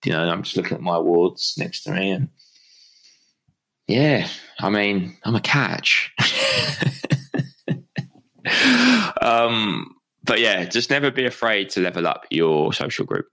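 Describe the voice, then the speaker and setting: Gravelly low-voiced young British man. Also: animated, measured pace, pushed and bright, rough recording. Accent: British English. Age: young adult. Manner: rambling, self-deprecating, swears freely. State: hungover. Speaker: podcast host. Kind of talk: casual motivational monologue.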